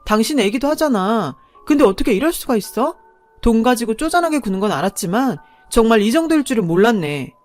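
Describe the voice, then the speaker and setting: A woman's voice: a little high, very animated, fairly quick, a little mellow, soft background music. A woman voicing a hurt, indignant pregnant young wife confronting her husband. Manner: pleading, then indignant.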